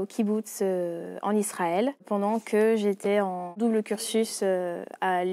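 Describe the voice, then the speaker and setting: A woman's voice: mid-range voice, a little mellow. Young French Guianese woman, hesitant. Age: 20s. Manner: hesitant, many fillers and restarts. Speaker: dancer and choreographer. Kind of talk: interview monologue.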